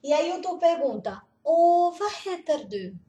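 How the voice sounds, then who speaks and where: Slow, high-voiced woman teacher in echoey room. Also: big pitch swings, mellow, far from the mic, a little hiss or hum. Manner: slow, repeats words carefully, laughs often. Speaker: language teacher. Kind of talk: teaching Norwegian pronunciation. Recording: roomy echo, off-mic.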